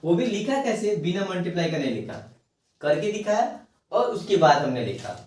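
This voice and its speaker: Echoey, high-voiced male math teacher. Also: sing-song, normal speed, darkish tone. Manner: reassuring, works sums aloud step by step. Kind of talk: blackboard math lesson. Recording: very echoey room, far from mic.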